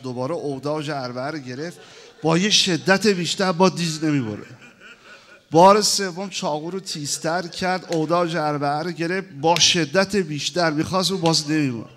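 A male preacher reciting a mourning sermon, lamenting and sighing, moving between hushed grief and loud wailing. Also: on the high side.

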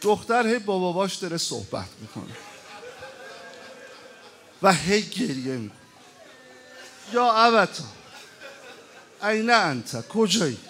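A man preaching a mourning sermon, moving from hushed storytelling to loud wailing shouts and chanted lines. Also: high-pitched, big pitch swings, long pauses, a little hiss or hum.

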